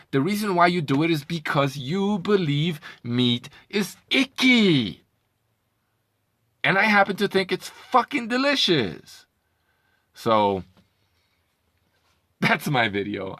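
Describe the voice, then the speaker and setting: A man's voice: fairly high pitch, sharp tone, dry recording. A man giving a heated, profane rant as a video commentator, often stumbling over repeated words. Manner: heated, profane, repetitive ranting with stammered restarts. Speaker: commentary vlogger.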